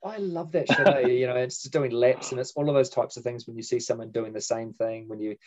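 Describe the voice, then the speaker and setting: A man's voice: medium pitch, steady tone, a little fast, darkish tone. Laid-back sweary man. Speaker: podcast co-host. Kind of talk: casual chat. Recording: slightly dull sound.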